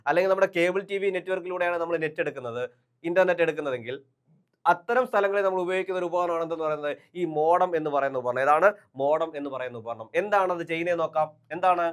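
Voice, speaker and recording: A man teaching an exam-prep lesson, who keeps asking questions and answering them himself and repeats key terms again and again. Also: fairly high pitch.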